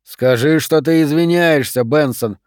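A man's voice: medium pitch, normal speed, darkish tone, no room sound, studio quality, close to an everyday voice. A man playing a hard, middle-aged male schoolteacher who gives curt, commanding orders in an audiobook. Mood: stern.

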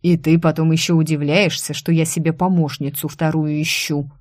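A woman voicing a gruff, domineering male boss in an audiobook, speaking slowly and menacingly, then snapping into angry scolding. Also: deep voice, level tone, darkish tone, lightly acted. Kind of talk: audiobook character reading.

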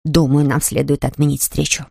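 A woman reading an audiobook, voicing a brisk, sharp-tongued cousin who speaks in a low, curt way. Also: little pitch movement, creaky, breathy edge, no echo, studio quality, heavily acted. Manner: low curt hurried talk.

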